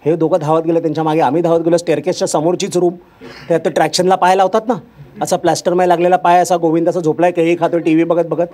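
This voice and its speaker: A man's voice: fairly high pitch, rapid-fire. A male stand-up comedian telling a story on stage, acting out the people in it. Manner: animated, acts out characters' lines. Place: stage before a live audience.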